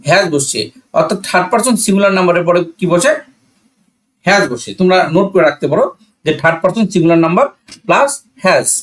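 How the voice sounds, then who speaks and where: A man with a Bangladeshi accent and a slightly high voice explains grammar quickly and with lively intonation. His approach is didactic and orderly, like a teacher posing questions he then answers, with key points returning through repeated phrases.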